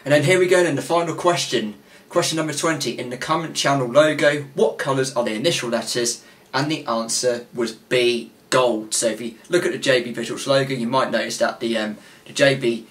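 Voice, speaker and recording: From a small bedroom with a gaming desk, a twenty-one-year-old channel host runs a casual quiz for the camera, full of fillers and restarts. His voice is mid-range and fairly bright, and it's wearing out.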